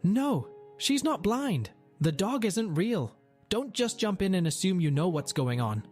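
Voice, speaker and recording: A man's voice: high-pitched, very animated, unhurried, a little mellow, faint music behind, voice pushed up. A man putting on a pushy entitled mother. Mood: shrill. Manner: insistent, dismissive. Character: pushy entitled adult mother, loud and stubborn.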